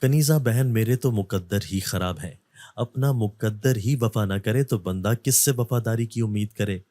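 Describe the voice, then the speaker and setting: A man voicing a loud, quarrelsome middle-aged beggar woman who wails and scolds her husband. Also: fairly low pitch, normal speed, no echo, natural voice. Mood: wailing. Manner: wailing, scolding.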